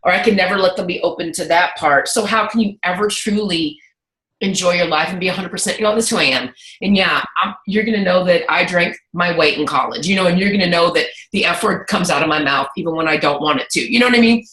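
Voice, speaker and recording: A woman hosts a casual chat, speaking candidly and animatedly, full of asides and little quoted thoughts she acts out. Her voice is lowish and she talks fast, in an echoey room on a rough recording.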